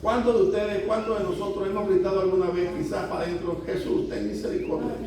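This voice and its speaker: Very high-voiced male pastor in an echoey church. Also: steady tone, quick pace, a little mellow, recorded from a distance, a little hiss or hum. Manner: preaching with rhetorical questions to the congregation. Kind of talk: sermon. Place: church sanctuary.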